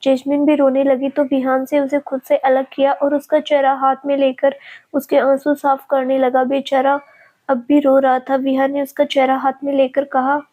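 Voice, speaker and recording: A woman narrating a romantic family story in a steady, sympathetic reading. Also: high voice, normal speed.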